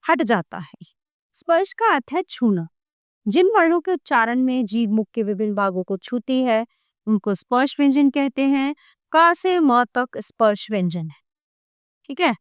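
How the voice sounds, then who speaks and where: A woman teacher with a fairly high, smooth and resonant voice reads a grammar lesson aloud. She says each sound and example word slowly and separately. The recording is dry and close, with no room echo. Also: animated. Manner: spells out sounds and example words one by one.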